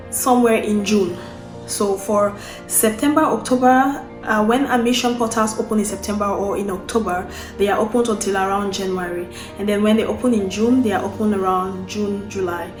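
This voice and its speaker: Young woman from cameroon, casual vlog talk, lots of restarts, middle pitch, roomy echo. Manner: unscripted, with restarts and repeated phrases while explaining steps. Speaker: vlogger.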